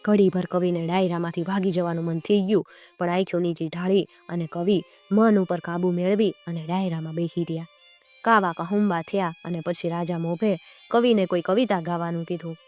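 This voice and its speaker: A woman's voice: on the low side, steady tone, normal speed. A woman narrating a children's folk tale, acting out the dialogue in dialect. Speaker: storyteller. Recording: soft music behind.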